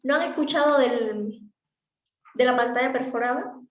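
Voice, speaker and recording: A woman's voice: sits high, normal speed, dull audio. Echoey woman teaching a class. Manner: practical, explains with examples. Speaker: speech therapy teacher. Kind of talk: online class lecture.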